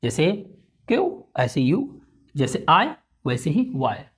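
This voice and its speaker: A man teaching pronunciation, repeating words slowly and checking that students follow. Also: on the high side, sing-song, breathy edge. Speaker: English teacher. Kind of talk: Hindi-English spoken lesson.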